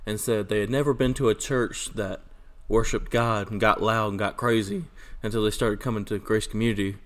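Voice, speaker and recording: A man's voice: lowish voice, fairly even intonation, fairly quick. A man co-hosting a podcast in casual conversation, recorded in an echoey church sanctuary. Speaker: podcast co-host. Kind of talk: casual chat.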